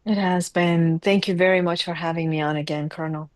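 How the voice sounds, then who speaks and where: A woman in her fifties who grew up in Iran answers interview questions in a measured, polite way. Her voice is low for a woman. The sound is dry and close, with no room echo. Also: steady tone. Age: 50s. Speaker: guest, humanitarian advocate.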